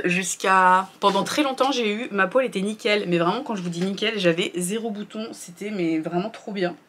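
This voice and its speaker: A woman's voice: mid-range voice, fairly bright tone. Chatty woman in her thirties. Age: 30s. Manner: chatty, candid, filler-heavy. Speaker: beauty vlogger. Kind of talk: casual skincare routine vlog.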